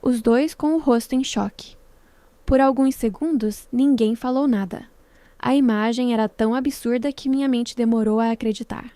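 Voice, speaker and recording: A woman narrating a scripted first-person story with a dramatic, measured delivery in short phrases. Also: fairly high pitch, warm tone, dry recording.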